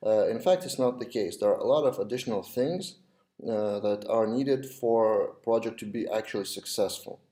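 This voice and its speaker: A Lithuanian web developer in his thirties vlogs casually to a webcam in a small office, speaking with a Lithuanian accent. He sounds hesitant, filling his speech with fillers and restarts, and his lowish, warm voice moves at a normal speed.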